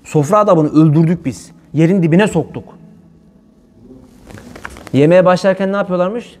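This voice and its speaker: A man hosting an informal religious talk, joking and lively, slipping into playful quoted voices. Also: sits high, normal speed.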